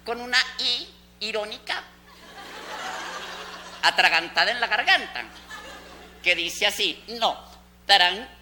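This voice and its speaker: A man's voice: high voice, animated, slow pace, long pauses, bright, forceful tone, slight background noise, exaggerated voice. A man playing a gossipy old Antioquian woman who tells a comic tale, chatty and wry, with an Antioquian accent. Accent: Antioquian Colombian. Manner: chatty, wry, lots of mock-quoted dialogue. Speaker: comic storyteller. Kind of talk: comic stage monologue. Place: school fair stage.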